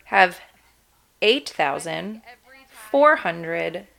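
A woman in her thirties co-hosts a casual podcast with a bright, forward tone. She is chatty, swears freely and laughs easily. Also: fairly low pitch, very animated, drawn-out words, vocal fry. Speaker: podcast co-host.

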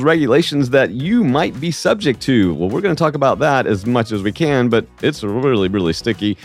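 An American man co-hosting a podcast, speaking emphatically and directly to listeners in a slightly froggy voice. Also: mid-range voice. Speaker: podcast co-host, veterinarian.

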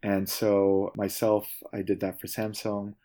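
A man, answering interview questions in a measured, thoughtful way with frequent pauses. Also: fairly low pitch, monotone, warm tone. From South Korea. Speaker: guest, venture capitalist.

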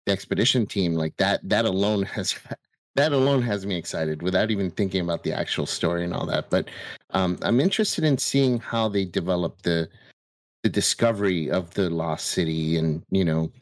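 A man's voice: deep voice, moderate pace, no echo. A man co-hosting a podcast, sharing his thoughts in casual discussion. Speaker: podcast co-host.

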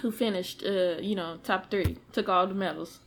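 A woman's voice: medium pitch, moderate pace. Chatty woman co-host with faint hiss. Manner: chatty, animated storytelling with slang. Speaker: podcast co-host. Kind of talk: casual chat.

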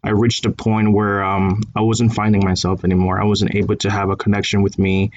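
A man in his thirties from Colombia, talking in a measured interview with many fillers. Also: fairly low pitch, level tone, lo-fi sound, a little hiss or hum. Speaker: guest. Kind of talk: conversational interview.

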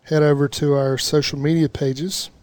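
Southern male co-host, slightly high voice, upbeat and halting. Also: little pitch movement, a little mellow, dry recording. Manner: upbeat, stumbles and restarts often. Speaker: podcast co-host. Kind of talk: casual podcast chat.

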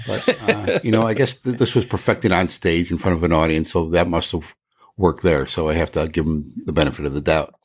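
A man with a very low voice co-hosts a casual podcast discussion. He is chatty and opinionated and often breaks into laughter. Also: a little fast, breathy edge. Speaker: podcast host.

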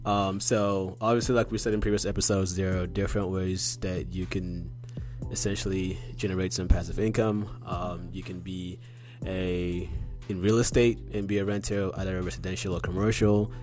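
A very deep male voice, low and unhurried, talking casually as a podcast co-host. He fills his sentences with "um" and "like" as he works through ideas. Faint music sits behind him. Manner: relaxed, filler-heavy talk about investing.

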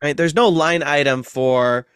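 A man's voice: on the high side, a little slow, a bit bright, clean tone, no echo, studio quality. A man who is a seminary professor, a guest on a podcast, explaining ideas patiently with everyday comparisons. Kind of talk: explanatory interview talk.

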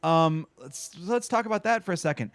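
A man's voice: fairly high pitch, animated, moderate pace, no echo. A man co-hosting a casual TV recap chat, talking emphatically and swearing freely. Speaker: podcast co-host.

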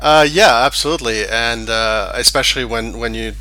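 Hesitant bright-voiced middle-aged man. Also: mid-range voice, normal speed. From France. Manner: hesitant, many fillers and restarts, laughs easily. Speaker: guest, online business owner. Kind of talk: casual interview conversation.

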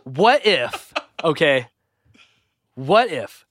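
Bright, eager man in podcast chat. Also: fairly high pitch, drawn-out words, dry recording, studio quality. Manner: speculative, excitable, swears casually. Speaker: podcast co-host.

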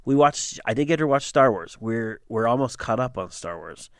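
Excitable man in dry casual chat. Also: medium pitch, moderate pace, dry recording. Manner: excitable, laughs often, rises sharply when enthused. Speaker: podcast co-host.

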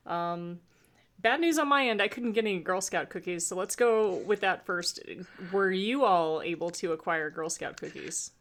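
A woman's voice: lowish voice, normal speed, fairly bright tone. A woman hosting a casual chat, upbeat and steering the conversation. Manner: upbeat, guiding the talk. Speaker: host.

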